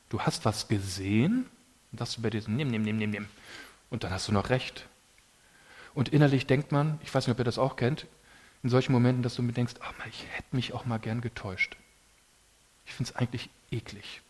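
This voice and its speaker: A man preaching a sermon to a congregation in a casual, colloquial way, with lively emphasis. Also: mid-range voice.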